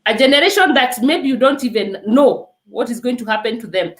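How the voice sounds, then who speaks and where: A Kenyan nurse with a Kenyan accent gives emphatic testimony as an interview guest, earnest and urging, repeating "let me tell you." Her fairly high voice moves briskly, and the sound is reverberant.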